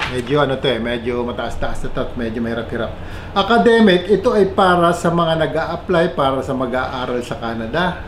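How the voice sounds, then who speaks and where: A Filipino man with a Filipino accent vlogging in a chatty explainer style, mixing English and Filipino and giving shoutouts to viewers, his voice rising and falling in pitch and loudness. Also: lively intonation, fairly quick. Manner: pitch and loudness swing up and down a lot. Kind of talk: casual vlog explainer. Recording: echoey room with faint background noise.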